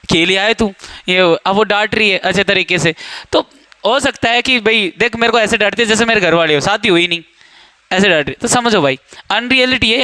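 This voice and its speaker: Young male coaching-class teacher, high clear voice, playful and teasing with students, dry classroom sound. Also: bright, forceful tone, no echo. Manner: joking, teasing students, quizzing them by name. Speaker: English teacher. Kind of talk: classroom grammar lesson.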